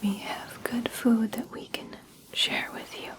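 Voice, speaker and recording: A woman voicing a kind, reassuring young elf princess in a soft, breathy, soothing whisper for an ASMR personal attention roleplay. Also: on the high side, steady tone. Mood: soothing, caring. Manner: slow, gentle, soothing, hushed.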